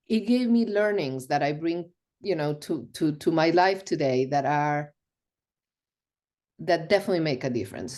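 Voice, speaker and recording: A middle-aged Argentinian woman, appearing as a podcast guest over a remote call, tells personal stories in an interview. Her voice sits low and is a little mellow.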